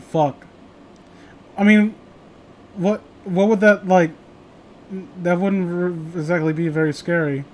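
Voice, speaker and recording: On his horror story reading show, a male host with a fairly high, darkish-toned voice rambles, jokes and swears freely while chatting about the stories. The home recording is noisy, with an audible hiss in the background.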